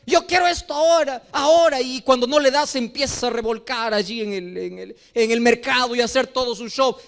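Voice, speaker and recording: A man preaching a sermon as pastor, animated, acting out the voices in his stories. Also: very high voice, a little fast, creaky. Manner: animated preaching, acts out dialogues in story.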